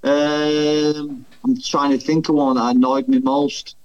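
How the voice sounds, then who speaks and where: A man's voice: mid-range voice, flat delivery, slow pace, a little mellow, muffled recording. A man, a former footballer, chatting casually as a podcast guest, thinking aloud and laughing easily. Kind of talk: casual chat.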